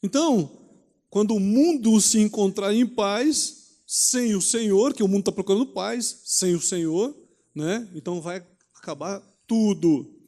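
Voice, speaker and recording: A man with a high but mellow voice, preaching in an easy, conversational way and tossing out rhetorical questions. His words ring out through a church hall with a long echo, as if he stands before a congregation. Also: measured pace. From Brazil. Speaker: pastor teaching a Bible study. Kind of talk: sermon teaching.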